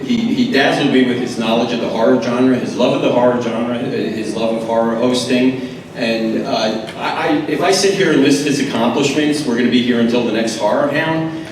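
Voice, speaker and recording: A man giving an informal, halting and heartfelt tribute speech at an induction ceremony. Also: mid-range voice, fairly even intonation. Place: large echoey event room, far from microphone. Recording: very echoey, distant, very noisy event recording.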